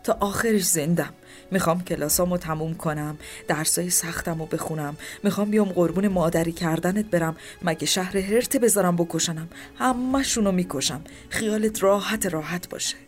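A man's voice: high-pitched, faint music behind, natural voice. A woman voicing a defiant young son who fiercely reassures his mother.

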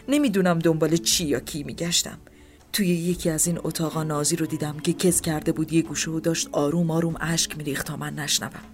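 A woman telling a first-person story in a subdued, grieving manner, at times dropping to a whisper. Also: low voice. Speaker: narrator. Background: soft background music.

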